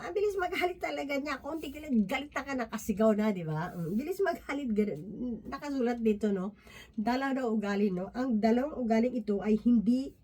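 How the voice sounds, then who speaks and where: A woman sharing a Bible reflection in an informal devotional talk, often checking in with her listeners through tag questions and pausing with fillers and restarts. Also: medium pitch, mellow. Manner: halting, many restarts and fillers.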